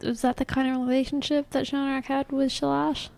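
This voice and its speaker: A woman's voice: high-pitched, level tone, a little fast, gravelly, a little mellow. A woman co-hosting a podcast in casual chat, thinking aloud and correcting herself as she goes. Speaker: podcast co-host.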